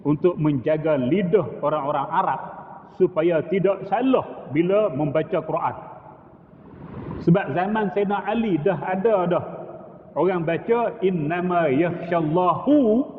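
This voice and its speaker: Male mosque teacher, middle-aged, unhurried; tinny recording with long hall reverb. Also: a little high, a little hiss or hum. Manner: demonstrates recitation, chanting Arabic phrases between plain explanation. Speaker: religious teacher. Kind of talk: mosque lecture on Quran recitation.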